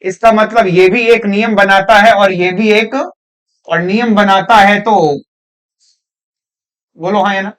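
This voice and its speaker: A high-voiced man lecturing on English grammar, pushing his students with quick repeated questions. He explains each point step by step in a classroom style. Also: steady tone, a bit bright, clear, resonant tone.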